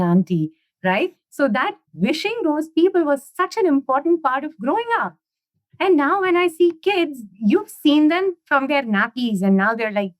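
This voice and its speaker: A woman, chatting at length as an interview guest. Her voice sits a little high and is recorded dry and close. She keeps threading "you know" and "right?" through long stories. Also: no echo. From India. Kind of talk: casual interview conversation.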